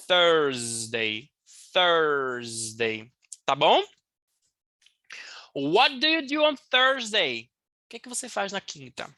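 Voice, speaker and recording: Brazilian woman, English teacher, bright dry close sound, unhurried and lively. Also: a little high, dry recording. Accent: Brazilian Portuguese. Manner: lively and playful, slowing to drill English words. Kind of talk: casual online English lesson.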